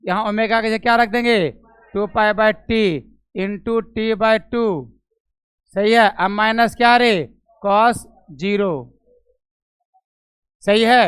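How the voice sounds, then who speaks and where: A man with a Bihari Hindi accent teaches a physics class, his voice high and smooth. He fires questions at the students, calls them by name and says each step twice. The sound is close and dry. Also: flat delivery, slow pace, long pauses, fairly bright tone, no room sound. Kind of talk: classroom lecture.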